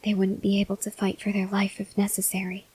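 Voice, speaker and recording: A woman, working as a voice actor, plays a starving female vampire researcher in an ASMR roleplay, a weary, earnest character gently pleading with the listener in an acted monologue. Her mid-range voice is monotone and slightly rough, soft and halting with long pauses and frequent whispers. Acting weak and faint with hunger, she sounds weary and desperate.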